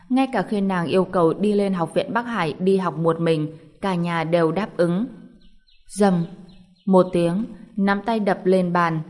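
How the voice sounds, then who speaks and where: A woman narrating a novel as an audiobook, reading in an even, steady way. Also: fairly low pitch.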